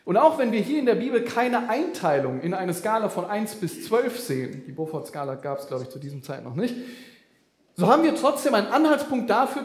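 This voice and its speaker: A man's voice: high-pitched, reverberant. A man preaching a sermon, speaking animatedly with vivid comparisons and addressing the listeners directly.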